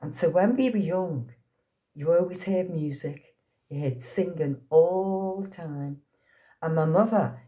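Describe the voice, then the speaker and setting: A mellow, fairly low-pitched woman's voice: an actress in her sixties from Liverpool with a Liverpool accent, chatting easily in an interview. She tells stories with frequent laughter in a casual storytelling format.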